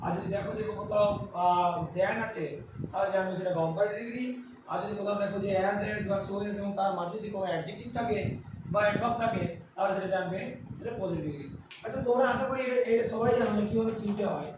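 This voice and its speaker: A high-pitched man teaches grammar and works through examples at a board. He stands well away from the mic in a very echoey room, and steady background noise runs under his voice. He keeps asking the class questions and then answers them himself. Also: fast, recorded from a distance. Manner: explains step by step, asks and answers his own questions. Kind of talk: classroom-style lesson at a board.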